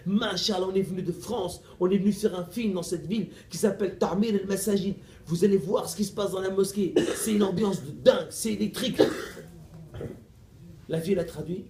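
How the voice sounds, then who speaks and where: A middle-aged man preaching in a mosque, telling a story in a lively, playful way and acting out the dialogue. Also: high-pitched, a little fast, slight background noise. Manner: animated, playful, laughs often, acts out dialogue. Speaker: preacher giving a lecture. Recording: echoey room recording with faint ambience.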